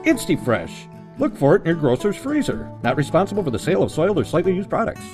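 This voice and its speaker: A man's voice: a little high, sing-song, fast, music in the background. A man playing a chipper announcer in a spoof 1950s-style ad, with an exaggerated salesman delivery. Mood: chipper salesmanship.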